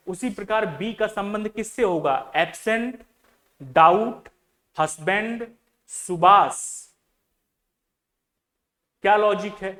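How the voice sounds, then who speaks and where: High-voiced male reasoning teacher. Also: a bit bright. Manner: questioning, repeats key words to students; mixes English terms into speech. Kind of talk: exam-prep lesson.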